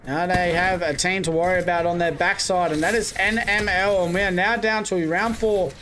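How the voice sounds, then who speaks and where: High-voiced esports caster. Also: male voice, fairly bright tone, a little hiss or hum. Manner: quick, running play-by-play with casual asides. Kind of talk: live esports play-by-play commentary.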